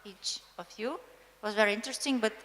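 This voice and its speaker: A woman's voice: medium pitch, fairly quick, fairly bright tone. Distant woman questioning from the audience. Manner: puzzled and questioning. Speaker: audience member asking a question. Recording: distant in a reverberant hall.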